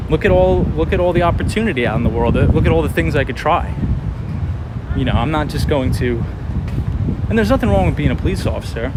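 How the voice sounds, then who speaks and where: Out walking a nighttime city street, a twentysomething New Yorker keeps his livestream audience company, greeting viewers by name and cheering them on in a casual, animated way. His voice runs a little high and a little fast, with traffic noise around him.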